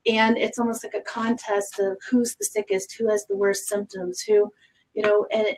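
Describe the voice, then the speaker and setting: Lively, gravelly-voiced woman co-host. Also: a little high, normal speed, rough recording. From Arizona. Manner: reflective, emphatic, hesitant restarts. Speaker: psychic medium co-host. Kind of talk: casual panel chat.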